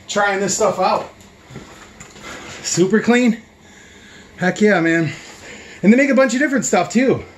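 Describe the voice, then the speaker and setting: Male host, 40s, chatty and upbeat garage vlogger; higher register, echoey room. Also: a little hiss or hum. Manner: chatty, upbeat, loose with fillers. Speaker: channel host. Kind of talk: casual product demo vlog. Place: garage workshop, indoors. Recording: echoey garage with background music.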